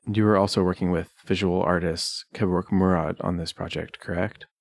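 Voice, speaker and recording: Deep-voiced male radio interviewer, dry sound. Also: steady tone, moderate pace, no room sound. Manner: brief, prompting questions. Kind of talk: interview questions.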